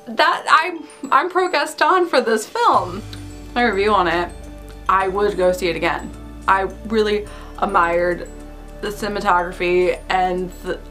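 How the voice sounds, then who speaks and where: A woman with a slightly high voice gives a casual, opinionated film review to her viewers. She gushes and giggles, animated and earnest in her enthusiasm, with faint music playing quietly behind her. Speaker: YouTuber reviewing films.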